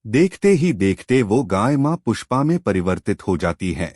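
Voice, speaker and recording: A man's voice: lowish voice, very animated, normal speed, a little mellow, no echo, clean studio sound. A man narrating a cartoon moral story in a plain storytelling way.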